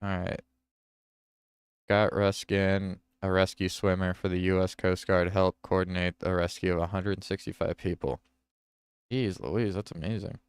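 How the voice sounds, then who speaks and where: A man hosting a casual livestream reads news headlines aloud, stopping to react and correct himself. His voice sits low and moves at an unhurried pace. The sound is crisp, close and dry, with no room around it. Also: flat delivery, no room sound. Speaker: livestream host.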